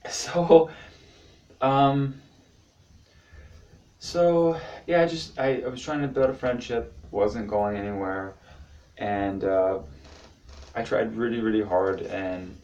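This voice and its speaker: A man in his twenties doing a rambling confessional stand-up to his camera, halting with many fillers and restarts. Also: lowish voice, a little mellow, far from the mic, dull audio. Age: 20s. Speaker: amateur stand-up comic. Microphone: camera mic.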